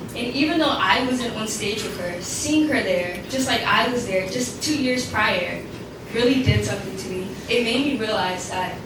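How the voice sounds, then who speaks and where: A woman's voice: mid-range voice, moderate pace. A young woman speaking as an alumni speaker at an event, earnest and laughing now and then. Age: young adult. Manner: earnest, laughs between lines. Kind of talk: speech at a networking event. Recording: echoey room from far off, loud background noise.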